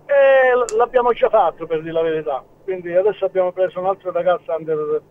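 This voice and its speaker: A high-voiced man talks over a phone line. The sound is tinny and narrow, with a faint hiss underneath. He speaks haltingly and often restarts his sentences. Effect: heard over a phone line. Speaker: football club president. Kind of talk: phone-in interview.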